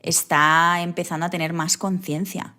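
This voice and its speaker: A woman's voice: lowish voice, level tone, normal speed, pushed and bright. A woman guest in an interview, speaking thoughtfully, often restarting her phrases and adding tag questions. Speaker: guest photographer. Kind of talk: reflective interview talk.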